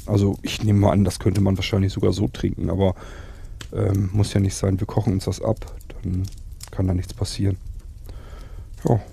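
Gravelly, husky man, low and dark, rambling enthusiastic host for survival role-play. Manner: rambling, enthusiastic, many fillers.

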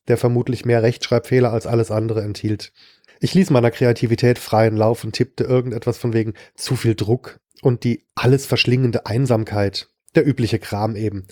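A man's voice: medium pitch, a little mellow, no room sound. A man reading a short story aloud in the first person, with a dry, sardonic delivery. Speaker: narrator. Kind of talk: scripted narration of a short story.

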